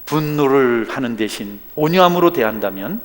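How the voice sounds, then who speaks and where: Animated man preaching in a reverberant hall. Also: mid-range voice, normal speed. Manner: animated preaching with dramatic swings in loudness. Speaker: pastor. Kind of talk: sermon. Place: church sanctuary.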